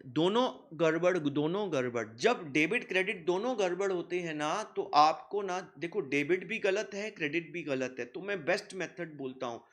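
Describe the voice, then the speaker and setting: Guy teaching accounts, kinda high voice, jokey and chatty with the kids. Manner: lively, teasing teacher who voices students' questions himself. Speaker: commerce teacher. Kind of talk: recorded classroom lecture.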